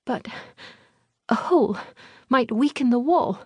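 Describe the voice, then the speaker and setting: A woman's voice: high-pitched, expressive, slow, breathy edge, no echo, voice pushed up, heavily acted. A woman voicing an anxious young wife and stepmother who tries to assert authority but falters.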